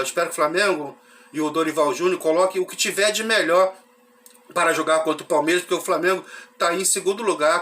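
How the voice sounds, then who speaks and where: Hoarse from a cold, with a dry cough underneath, this Rio-based host of a football fan channel speaks in a high, bright voice. He goes over lineups and results for his fans in a relaxed, chatty recap, regularly checking in with them and tagging sentences with "né?".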